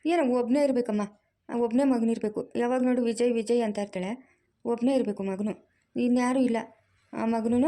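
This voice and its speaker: A woman voicing a bossy, caring middle-aged village aunt, in a loud, scolding, teasing manner. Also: mid-range voice, slight background noise, natural voice.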